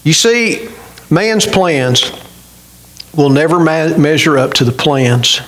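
A man's voice: fairly high pitch, lively intonation, slow pace, fairly bright tone, poor audio. A middle-aged man preaching a sermon from a church pulpit, earnestly putting questions to his congregation. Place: church sanctuary, indoors, at a pulpit.

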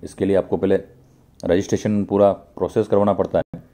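Low-pitched and warm but flat in delivery, this man speaks a little fast. As host of his own channel, he films the indoor pipe factory and talks his viewers through it directly, explaining as he goes.

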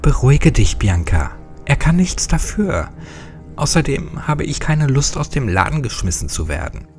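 A tough young woman lays out a plan in a raised, firm and combative voice, as a man puts her on. The tone is lively and gravelly, with faint music underneath. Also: medium pitch, normal speed, voice pushed up. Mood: calming. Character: tough, brash young woman, calm leader.

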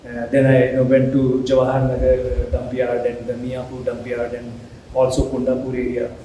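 Here a warm, mid-range voice speaks in a completely flat delivery: a middle-aged guest lecturer and professor from Hyderabad with an Indian English accent. Standing at a podium in a big bannered hall, he pauses often with "uh" and restarts phrases. Recorded from afar through the podium mic, the audio is very echoey with faint noise.

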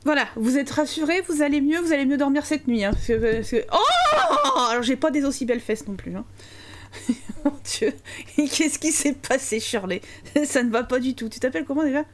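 A woman's voice: high-pitched, a little fast. A young French woman commenting live on her game, chatting and joking with her viewers. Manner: chatty, joking, reads chat aloud. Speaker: streamer.

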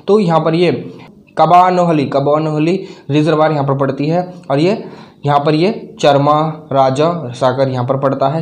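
A man from North India walks through a map lesson, his voice sitting slightly higher than most men's. He halts over unfamiliar names, repeats them, and answers his own questions. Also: darkish tone. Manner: halting, repeats names, asks and answers himself. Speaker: teacher.

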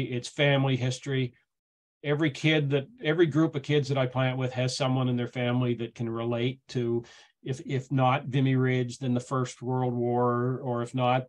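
A middle-aged Canadian man giving a relaxed talk to a group. He rambles and often restarts his sentences, and his voice sits at an ordinary medium pitch. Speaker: guest speaker. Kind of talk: casual storytelling talk.

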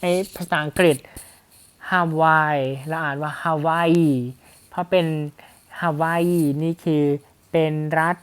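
Smooth-voiced male English teacher. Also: a little high, little pitch movement, a bit bright. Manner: reads English sentences slowly, then explains quickly with questions to students. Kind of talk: grammar lesson explanation.

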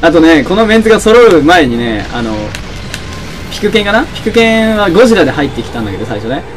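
Young male game commentator, lively and excitable, voice a bit high, music faintly underneath. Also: fast. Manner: excitable, shouts and laughs at the action. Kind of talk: excited let's-play commentary.

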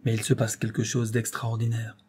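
A man voicing a calm, authoritative doctor who speaks gravely and reassuringly. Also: mid-range voice, normal speed, a little hiss or hum, lightly acted.

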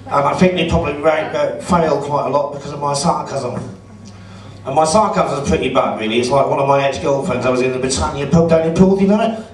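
Sarcastic middle-aged comic on stage. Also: male voice, fairly high pitch, fast talker. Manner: chatty, sarcastic, teasing the crowd. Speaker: stand-up comedian. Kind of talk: stand-up comedy set. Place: comedy club stage. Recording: roomy audio from a distance.

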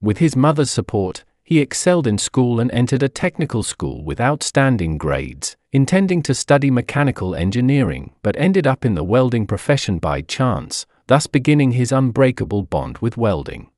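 A man reading scripted documentary narration in a steady voice-over. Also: medium pitch, normal speed, hardly any pauses, dry recording, studio quality.

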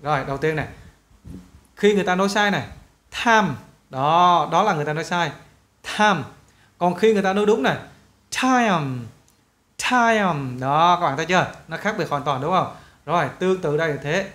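Lively Vietnamese male English teacher. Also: fairly high pitch, echoey room. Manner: lively, repeats model words slowly and loudly. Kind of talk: pronunciation lesson.

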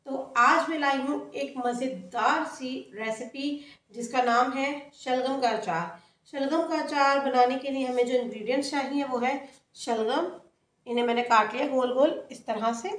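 Cooking host, woman, high voice, step-by-step recipe narration in an echoey home kitchen. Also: moderate pace, fairly bright tone. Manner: plain, explains each step as she works.

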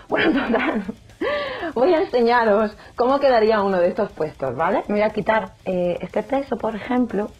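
Young woman, jokey vlogger chat, dull-ish audio, faint music under it. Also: lowish voice. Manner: chatty, jokey, animated, acts out quoted voices. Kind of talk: casual chat to camera.

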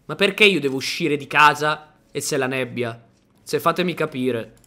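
A man commentating his own Minecraft let's play, excitable and talking to himself and his viewers, with sudden panicky outbursts. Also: on the high side, normal speed. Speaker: gaming youtuber.

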